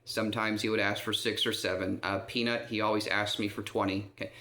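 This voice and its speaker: This vlogger's voice is on the low side, flat yet bright and forceful, and he talks briskly. Sitting in a care home resident's room, he rambles through a lengthy personal tale, repeatedly asking "okay?" and saying "um" a lot, all captured with noticeable room echo.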